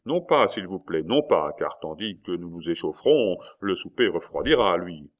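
A man's voice: deep voice, animated. A man voicing a patient young nobleman. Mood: calm. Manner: measured and polite.

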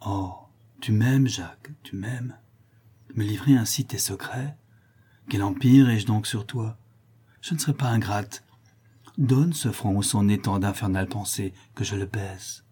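A man's voice: lowish voice, a little slow, dark tone, husky. Man voicing a seductive cunning woman, half-whispered. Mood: seductive whispering. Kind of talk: audiobook character reading.

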